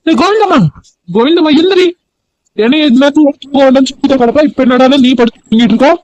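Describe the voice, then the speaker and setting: Cartoon dad voiced by a man, quick scolding talk, mellow tone, dull lo-fi sound. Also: extremely high pitch, dry recording. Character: bossy middle-aged village father.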